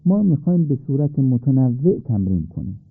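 A man's voice: medium pitch, big pitch swings, slightly rough, dry recording. A man teaching Quran recitation on a radio lesson, polite and patient, asking his listeners questions and answering them himself. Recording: tinny phone-like radio recording.

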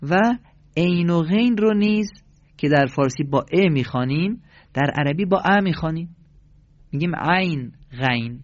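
A man's voice: fairly high pitch, pauses often, no room sound. A man teaching a recorded lesson on reading the Quran. He spells out letters one at a time and asks questions that he then answers himself. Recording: slightly dull, dry recording.

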